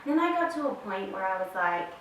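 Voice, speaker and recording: With big pitch swings and a fairly bright, mid-range voice, this woman speaks a little fast. She's in her thirties, has an Australian accent, and is a podcast guest telling her story casually, full of fillers. The recording is echoey with a distant mic and faint hiss.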